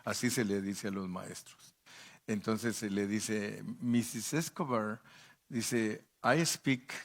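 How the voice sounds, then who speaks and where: A man's voice: lowish voice, steady tone, slow pace. An older man preaching a sermon as pastor, telling folksy stories and acting out the people he quotes. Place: church.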